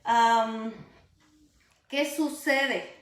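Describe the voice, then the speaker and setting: Slow-spoken woman hosting a faith interview. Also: on the high side, fairly even intonation, echoey room. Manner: slow and deliberate, quoting scripture. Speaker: host.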